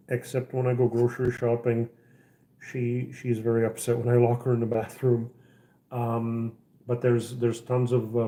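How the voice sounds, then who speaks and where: A man's voice: mid-range voice, dark tone. Rambling middle-aged man, echoey room. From Czech Republic. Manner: rambling, many fillers and restarts. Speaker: livestream host. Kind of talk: casual livestream chat. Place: house interior.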